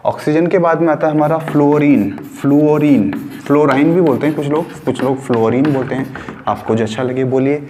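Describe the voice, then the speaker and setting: A man's voice: on the high side, brisk, mellow, slight background noise. A man from India teaching a science class, repeating key words and asking and answering his own questions as he writes on a board. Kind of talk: class lecture mixing Hindi and English. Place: room with a board.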